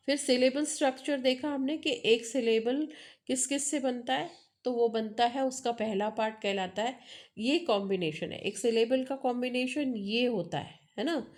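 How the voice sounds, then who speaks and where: A woman with an Indian accent teaches a class at an unhurried pace. Her voice sits fairly high. She explains each point carefully and keeps checking that her listeners understand. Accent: Indian English. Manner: explains step by step, mixing Hindi and English, checks understanding with tag questions. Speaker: English teacher. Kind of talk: classroom lecture on phonology.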